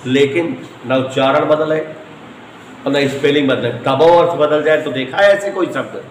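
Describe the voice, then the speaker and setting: A man gives a classroom lecture, spelling words aloud and checking in with his students again and again. His voice sits fairly high for a man. The room is echoey, with faint noise in the background. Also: unhurried. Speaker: physics teacher.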